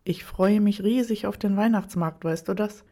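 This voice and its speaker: A woman's voice: mid-range voice, moderate pace, dark tone, pitched above the performer's own voice, lightly acted. A woman voicing a shy young man who gets flustered and embarrassed easily, speaking hesitantly in a read-aloud story. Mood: excited.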